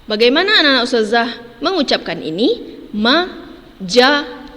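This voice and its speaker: A woman's voice: fairly high pitch, lively intonation, unhurried, fairly bright tone, big-room sound. A woman teaching a children's lesson, patiently spelling words out syllable by syllable and tagging "ya, Nak" onto every phrase. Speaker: primary school teacher.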